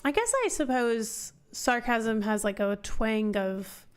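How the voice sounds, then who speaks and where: A woman's voice: a little high, slow pace, clean tone. A woman hosting a book club live stream, chatting casually and rambling as she answers questions from chat. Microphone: headphones on, desk mic.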